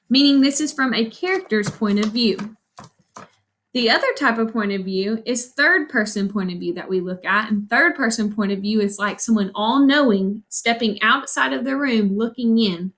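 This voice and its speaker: A woman who teaches elementary school reads a picture book to kids in a fairly high voice with a fairly bright tone. She explains the story instructively, asking questions and answering them herself.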